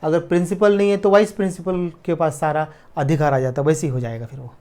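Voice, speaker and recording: A man's voice: a little high, fairly even intonation, dark tone. Chemistry teacher, man. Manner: repeats key terms slowly, asks students "clear?". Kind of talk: casual classroom lecture.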